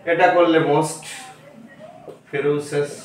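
A man teaching English grammar in a slow lesson, repeating words and spelling them out letter by letter. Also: a little high, flat delivery, slight background noise. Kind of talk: slow classroom-style lesson. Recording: very echoey room, distant mic.

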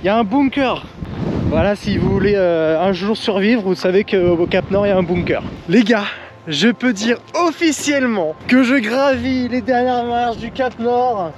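A young man filming himself at arm's length on a windswept snowy cape, excitedly talking to his viewers about the place. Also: sits high, moderate pace. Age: young adult. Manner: excitable, shouting over the wind, talks to viewers as "les gars". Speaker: travel vlogger. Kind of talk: excited travel vlog to camera. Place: windswept snowy cape outdoors, then inside a van at night. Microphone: handheld camera at arm's length. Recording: loud wind noise on the mic. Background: strong wind.

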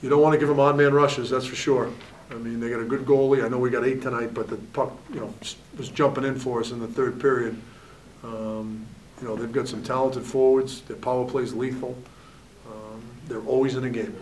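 In a flat, mid-range voice that runs a little fast, a head hockey coach in his forties candidly takes postgame press questions, frequently using "you know." He's caught by a distant table mic in a press room with a backdrop, and the audio quality is poor.

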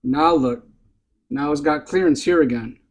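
A man with a fairly high voice talks through a close-up demonstration at his workbench indoors. He keeps pointing things out with short, insistent prompts to look and see. The sound is picked up by a camera mic close to his hands. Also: a little slow, rough recording. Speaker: RC hobby channel host.

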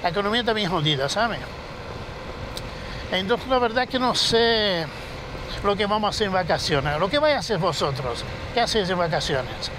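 Motovlogger, man, higher voice, chatty and salty, helmet-cam take with loud traffic noise. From southern Spain. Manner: chatty, animated storytelling with swearing. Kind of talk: casual chat while riding. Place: outdoors on a motorcycle at night, city streets. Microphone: helmet-mounted action camera. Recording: loud street and engine noise. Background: traffic and city street noise.

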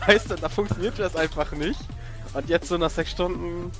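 A man's voice: sits high, normal speed. A man, grumbling and confused while chatting as he plays a game with friends. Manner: confused, grumbling, swears casually. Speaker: let's play gamer. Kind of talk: casual gaming banter. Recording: voice chat with faint background music.

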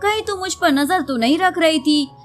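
A woman voicing a scheming, sarcastic young woman who talks in a mocking, sharp-tongued way. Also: very high-pitched, moderate pace, pitched above the performer's own voice.

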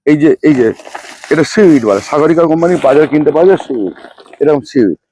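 Demonstrating a fertilizer blend on his rooftop gardening channel, this middle-aged host calls out every ingredient and quantity, then repeats it. His fairly high, dark-toned voice is animated and fast, with a little noise in the background.

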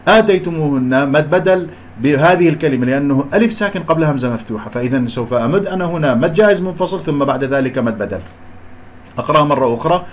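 A man teaching Quran recitation rules, switching between quick explanations and slow, drawn-out recited examples broken into syllables. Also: mid-range voice, animated, slight background noise. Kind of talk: tajweed lesson, explaining and demonstrating recitation.

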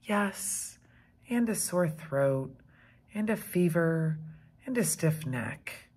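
A woman's voice: fairly low pitch, lively intonation, slow, darkish tone, husky, exaggerated voice. A woman reading aloud, voicing a stubborn, dramatic schoolgirl who pleads and whines. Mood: whiny. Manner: whiny, pleading.

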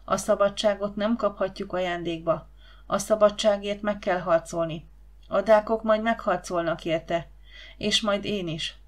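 A woman's voice: mid-range voice, fairly even intonation, natural voice. A woman voicing a proud, fiery young slave girl who speaks with passionate indignation. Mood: quietly earnest.

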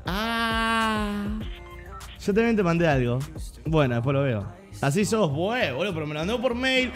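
Excitable Argentine streamer, lively high voice. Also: male voice. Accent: Argentine Spanish. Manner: excitable, slangy, repeats himself, sudden loud outbursts. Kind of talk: live gameplay streaming chat.

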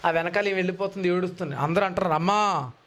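High-voiced animated male preacher. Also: a little fast. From India. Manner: animated storytelling, acting out quoted voices. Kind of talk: sermon retelling Bible stories.

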